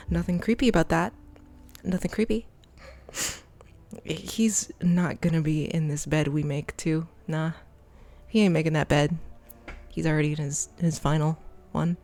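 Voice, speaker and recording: A woman streaming live, reading game dialogue and love letters aloud, often slipping into a soft whisper. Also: low voice.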